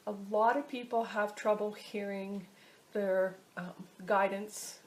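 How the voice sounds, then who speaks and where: A woman casually teaching a step-by-step technique, often pausing to search for her words. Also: mid-range voice, fairly even intonation. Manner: halting, searching for words as she explains. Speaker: instructor teaching a pendulum technique. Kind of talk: casual instructional video talk.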